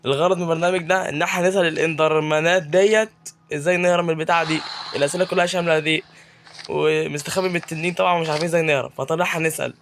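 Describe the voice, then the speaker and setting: A young male gaming YouTuber with an Egyptian Arabic accent jokes and chats casually while playing a video game, even interviewing the game mobs. His voice is on the high side and a bit bright, steady in tone but racing along, with slight background noise.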